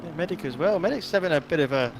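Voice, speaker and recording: Brief: man, fairly high voice, joking race co-commentary over clear background noise. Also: lively intonation, very fast. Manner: banter-filled, teasing, laughs along. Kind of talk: casual live race commentary.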